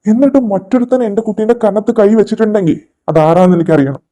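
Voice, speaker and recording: A man voicing an older, hot-tempered father who is recovering from surgery and loudly demands answers in a fan audio drama. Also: high-pitched, expressive, quick pace. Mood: angry.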